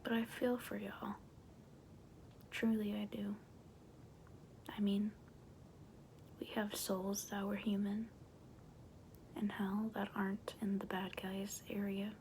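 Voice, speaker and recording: A woman in a whispered role-play voicing a sly, persuasive she-devil, in a breathy, coaxing demonic whisper. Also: mid-range voice, flat delivery, slow pace, pauses often, a little mellow, slight background noise. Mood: sly, confiding. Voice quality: breathy whisper with creaky edges.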